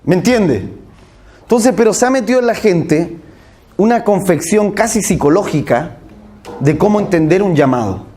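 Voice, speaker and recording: Male preacher with a high voice, chatty sermon delivery that keeps checking in with the congregation. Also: lively intonation, normal speed, dark tone. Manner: conversational, checks in with listeners, acts out quoted voices.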